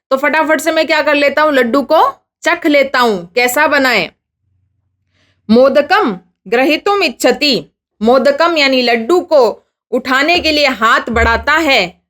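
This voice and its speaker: A woman teacher reading Sanskrit phrases slowly, then explaining each one and asking her students questions. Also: high voice, a bit bright. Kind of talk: Sanskrit lesson explained in Hindi.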